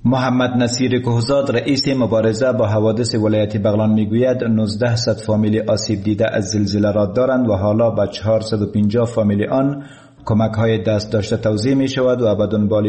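A man's voice: fairly low pitch, little pitch movement, dark tone. A man with an Afghan accent narrating a scripted radio news report.

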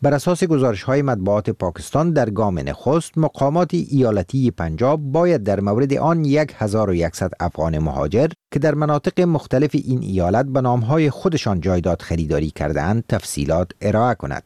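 A man reads a formal news report for radio. His pitch moves up and down a lot, his tone is mellow, and the sound is dry and close. He keeps a steady report-reading rhythm throughout. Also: hardly any pauses, no room sound. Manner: formal, lively intonation.

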